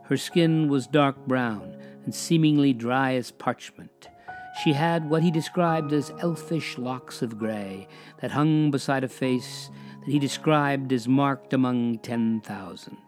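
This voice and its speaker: A man tells an eerie true tale in a measured, dramatic way. He pauses often and drops to a near whisper on the spooky details, over soft music. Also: mid-range voice. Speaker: narrator. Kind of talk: scripted storytelling narration.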